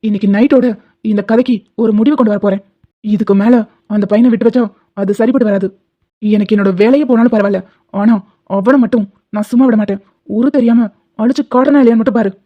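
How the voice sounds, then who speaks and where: A woman's voice: fairly high pitch, fairly even intonation, quick pace, pauses often, lo-fi sound, close to an everyday voice. A woman voicing a stern, wealthy father who scolds and makes threats. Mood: determined. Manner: menacing, scolding.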